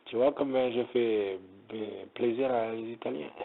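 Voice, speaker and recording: A man's voice: mid-range voice, measured pace, gravelly. A man rambling casually in a joking, digressive monologue, with a tinny phone-like sound. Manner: joking, digressive, slips into mock Italian. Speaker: content creator talking about modeling.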